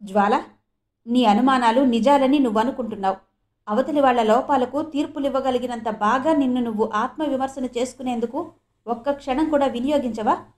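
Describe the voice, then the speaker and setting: A woman's voice: high voice, brisk, darkish tone, natural voice. A woman voicing a stubborn middle-aged mother who speaks firmly in a storybook reading. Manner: firm, scolding.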